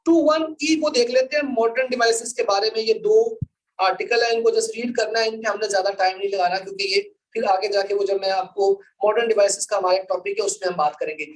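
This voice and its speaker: A female law lecturer teaches students in a live lecture, explaining and reading out articles in a didactic way, repeating her points and mixing English into her Hindi-Urdu. She speaks fast at medium pitch, and the rough recording is captured from a distance.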